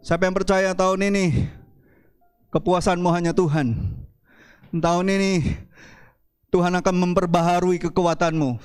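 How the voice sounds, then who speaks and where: A man preaching a church sermon as pastor, with dramatic swings of pitch and loudness. Faint music plays behind him. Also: flat delivery, normal speed, pauses often, smooth.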